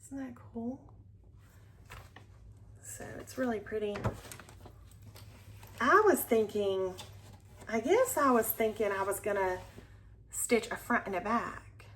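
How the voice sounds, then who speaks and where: This Alabama cross-stitch host speaks slowly with long pauses, her fairly high voice expressive as she chats enthusiastically about her projects in a casual show-and-tell. At times she nearly whispers, and there's slight background noise.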